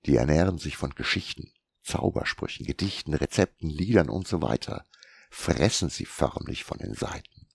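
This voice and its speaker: Man reading as a gruff old bookseller. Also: extremely low pitch, lively intonation, normal speed, darkish tone, no echo, heavily acted. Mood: lecturing. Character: old male bookseller, gruff, shrewd, pipe-smoking. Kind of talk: audiobook character reading.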